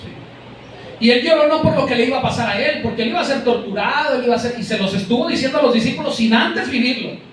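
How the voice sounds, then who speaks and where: A man's voice: very high voice, fast, slight background noise. A male pastor with a Mexican Spanish accent preaching a sermon, speaking directly to his congregation and calling out names. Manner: repeats words while searching for them. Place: church hall. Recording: very echoey room, voice from far off.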